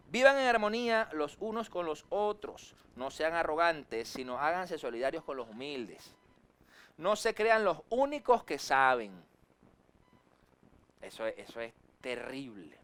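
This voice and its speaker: Pastor, male, fairly high pitch, preachy delivery with big rises and drops. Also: big pitch swings, a bit bright, clear, resonant tone. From Venezuela. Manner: preachy, rises and drops sharply for emphasis, acts out quick asides. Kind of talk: sermon.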